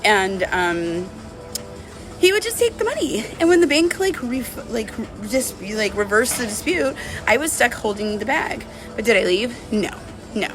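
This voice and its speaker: Over music on a low-quality recording, a woman with a slightly high, sing-song voice speaks unhurriedly. She's a vlogger casually confessing the story of her breakup, rambling and saying "like" and "you know" a lot.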